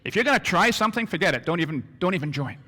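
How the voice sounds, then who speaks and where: A man giving a business presentation to an audience, animated and acting out little scenes as he talks. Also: sits high, rapid-fire. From Canada. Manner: animated, acts out scenarios in character voices. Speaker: business trainer. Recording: long reverb of a hall.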